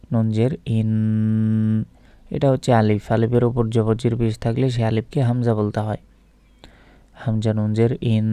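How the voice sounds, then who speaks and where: A man's voice: lowish voice, dark tone, dry recording. A man with a Bangladeshi Bengali accent teaching Quran recitation, spelling out each letter and vowel mark one by one before chanting the verse. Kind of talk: slow, methodical pronunciation lesson.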